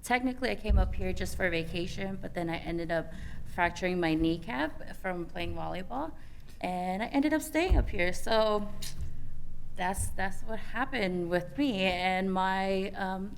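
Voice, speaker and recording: A woman's voice: mid-range voice, unhurried, vocal fry, slight background noise. A young woman from American Samoa, speaking on a youth panel, telling her personal story candidly with many fillers and restarts.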